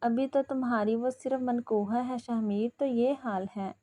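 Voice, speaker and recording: Storybook reading: woman voicing a scheming mother, reproachful, slightly high. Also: steady tone, warm tone, lightly acted. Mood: scolding. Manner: reproachful, scolding. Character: domineering middle-aged mother, bitter and scheming.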